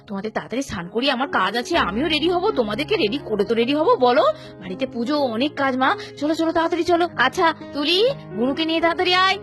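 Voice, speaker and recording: A woman narrating a cartoon and voicing a busy mother, hurried and chiding. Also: high-pitched. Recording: cartoon audio with faint music.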